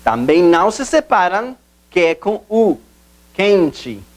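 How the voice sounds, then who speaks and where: A man giving a video language lesson, explaining slowly, repeating himself, and stressing key points. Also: high voice, sing-song. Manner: slow, repetitive, emphatic teacher's explanations. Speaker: Portuguese teacher.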